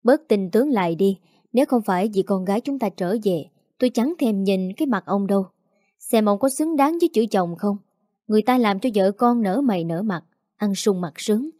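A woman's voice: medium pitch, animated, fairly quick, dry recording, clean studio sound, natural voice. A woman voicing a nagging, emotional peasant mother in her forties. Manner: sharp nagging, scolding.

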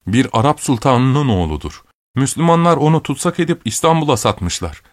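A man voicing a cautious, dutiful noble father who speaks in a measured, hesitant way in an audiobook. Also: medium pitch, very animated, dry recording, studio quality, pitched above the performer's own voice, lightly acted. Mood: explaining.

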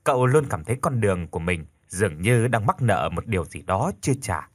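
A man narrating a scripted ghost story in a dramatic, expressive way. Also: on the low side, slightly rough, dry recording, clean studio sound.

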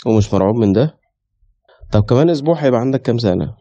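A man's voice: mid-range voice, expressive, rapid-fire, warm tone, no echo, highs cut off. An actor playing an exasperated, lecturing middle-aged male friend with an Egyptian accent, in a radio drama.

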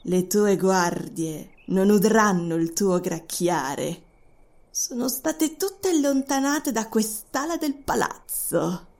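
A scheming witch sneers at her royal twin, voiced by a woman in an audiobook. Her speech is slow and gloating, with a gravelly rasp and wide, swooping pitch. She mocks with every sentence. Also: expressive, dark tone, exaggerated voice. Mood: mocking. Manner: sarcastic, mocking, slow and gloating. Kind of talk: audiobook voice acting.

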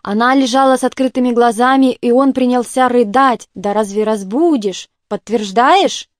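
Woman voicing an insistent, tipsy officer; loud, higher register, dry close sound. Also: a little slow, no room sound. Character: tipsy, excitable male officer at a feast.

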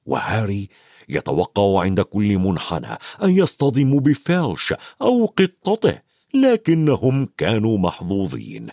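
Dramatic male audiobook narrator, very expressive. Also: fairly low pitch, vocal fry, breathy edge, no echo, studio quality. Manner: dramatic, swings from loud to hushed.

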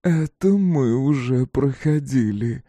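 A man's voice: mid-range voice, animated, slow, warm tone, no room sound, voice pushed up. A man voicing a young woman possessed by a demon, cold and drawn out.

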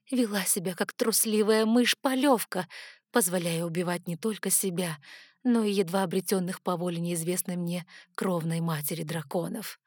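Female audiobook narrator, measured fantasy storytelling, dry close sound. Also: medium pitch, no echo.

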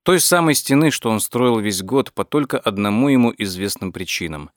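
A man reading an audiobook as its narrator, telling the story in a measured, even way. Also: on the low side, no room sound, clean studio sound. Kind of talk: scripted narration.

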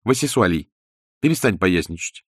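A man's voice: sits low, animated, moderate pace, husky, dry recording, clean studio sound. A man voicing an irritable, impatient wife who answers curtly. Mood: curt, irritated. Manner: curt, impatient. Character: irritable, cool-headed wife leaving her husband.

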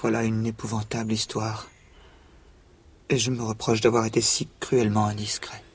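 An actor in a radio drama playing a courteous young viscount who listens and asks questions politely. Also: male voice, on the low side, completely flat delivery, normal speed, husky. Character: young viscount, curious, well-mannered listener.

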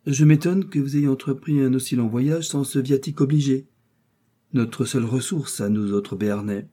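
A man reading an audiobook voices an older musketeer captain, measured, commanding and warning. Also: medium pitch, warm tone, pitched above the performer's own voice, close to an everyday voice. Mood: surprised. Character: older male musketeer captain, guarded and authoritative. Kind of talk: audiobook character voice.

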